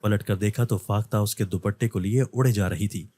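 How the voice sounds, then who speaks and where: Low, warm-voiced male storyteller. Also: fairly even intonation, dry recording. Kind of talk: scripted narration.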